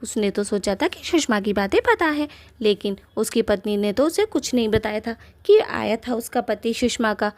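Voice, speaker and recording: A woman narrating a cartoon story in a plain, steady storytelling way. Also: fairly high pitch, normal speed, hardly any pauses.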